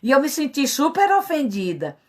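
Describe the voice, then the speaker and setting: Higher-voiced Brazilian woman pastor, confessional. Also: sing-song, moderate pace, a little mellow. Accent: Brazilian Portuguese. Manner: earnest, confessional, openly emotional. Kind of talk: personal testimony talk.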